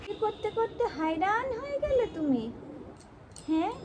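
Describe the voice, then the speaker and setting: A woman's voice: extremely high pitch, very animated, moderate pace, over music. A young woman, a new mother, coos sing-song baby talk to her infant while filming a home vlog. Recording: noisy home recording.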